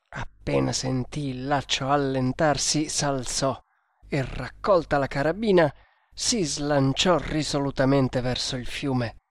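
Slow, deliberate male audiobook narrator. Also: medium pitch, no echo.

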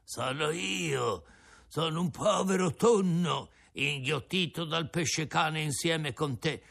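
A man voicing a resigned, philosophical male tuna with a cracked, creaky voice, speaking slowly in a storybook reading. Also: fairly high pitch, a bit bright, voice pushed up, exaggerated voice. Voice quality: cracked, creaky voice like an out-of-tune guitar. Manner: slow, resigned, drawn-out delivery. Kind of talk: audiobook character voice.

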